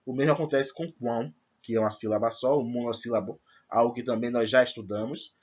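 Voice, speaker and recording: A man's voice: mid-range voice, steady tone, fairly quick, breathy edge, muffled recording. A man teaching a grammar lesson to first-year students, explaining step by step and checking in with his class. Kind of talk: recorded remote class lesson.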